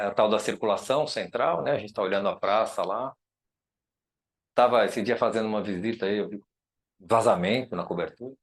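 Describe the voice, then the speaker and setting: A man with a Brazilian Portuguese accent, an architect giving a chatty, enthusiastic informal lecture over slides, often checking in with the audience. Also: medium pitch. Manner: chatty and enthusiastic, many tag questions. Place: lecture room.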